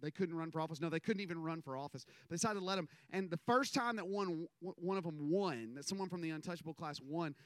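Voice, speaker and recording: A man in his thirties delivers a conversational sermon, wandering through stories and poking fun at himself. His voice sits a little high and sounds smooth and clear. The recording is dry and close, with no room sound around him. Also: quick pace, few pauses, fairly bright tone, no echo. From American South. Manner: rambling storytelling with self-deprecating asides. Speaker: minister.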